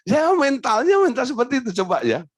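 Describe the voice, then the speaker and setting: Animated man preaching a sermon. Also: very high-pitched, a little fast, no room sound, studio quality. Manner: animated, acts out whining prayers in a mocking voice. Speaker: pastor.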